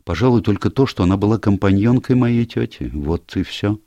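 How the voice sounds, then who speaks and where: A man reading an audiobook voices a young woman caught off guard, her lines lifted higher than his own deep voice. The delivery is dry and close to the mic, quick and exclamatory. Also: lively intonation, mellow, dry recording. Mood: urgent. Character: Susan Banks, composed young woman.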